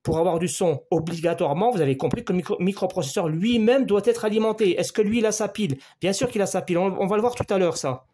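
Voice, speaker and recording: This French-speaking repair teacher has a high-pitched, dark, breathy voice and talks quickly with few pauses. Addressing the viewer directly in a hands-on electronics lesson, he walks through each measurement step by step and often restates the key points.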